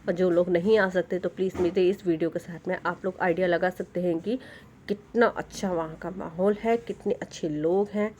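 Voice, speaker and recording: A woman's voice: lowish voice, darkish tone, slight background noise. A woman vlogging outdoors at a market in the evening. She talks in a chatty, enthusiastic way into a handheld phone and sprinkles English words into her talk. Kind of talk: casual vlog narration.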